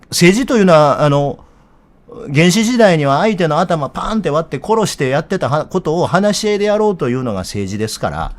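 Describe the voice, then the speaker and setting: A middle-aged man with a Kansai accent giving blunt, heated political commentary in a casual, rough-spoken way. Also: a little high, a little mellow.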